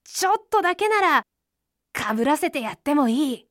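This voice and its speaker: A proud little male rabbit, as a woman reader plays him speaks high and loud, lofty and generous. He is quick to take offense, as in a children's storybook. The recording is dry and close. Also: big pitch swings, no room sound. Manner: lofty and generous, then frantic and shouting. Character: proud, naive male rabbit, easily upset.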